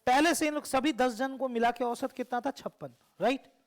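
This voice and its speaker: A man with a fairly high voice, teaching math in a classroom. He keeps firing the same questions back at the students and teases them as he goes. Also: moderate pace. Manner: teasing, asks the class repeated questions. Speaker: coaching teacher.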